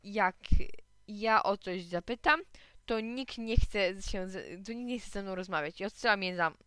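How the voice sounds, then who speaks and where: A woman's voice: medium pitch, a little slow, a bit bright, smooth, dry recording, clean studio sound, natural voice. A woman reading a young, pleading and sulky schoolboy in a storybook. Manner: whiny, pleading.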